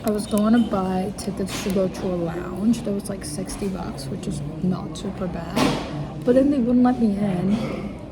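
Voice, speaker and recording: A young woman vlogging to camera in a casual, chatty, expressive and informal way. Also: mid-range voice, a little slow. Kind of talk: casual vlog chat to camera. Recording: clear background noise, travel ambience.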